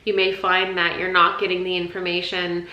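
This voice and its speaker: A woman's voice: lowish voice, completely flat delivery, moderate pace, reverberant, lo-fi sound. A woman giving a casual, rambling spiritual teaching talk, speaking conversationally, with frequent repeats and restarts. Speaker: intuition teacher.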